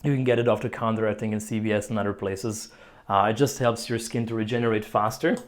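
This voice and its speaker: A man's voice: lowish voice, fairly even intonation, fast. Joking young man. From Croatia. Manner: joking, chuckles often. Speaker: vlogger giving an apartment tour. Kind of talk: casual chat. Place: apartment, indoors.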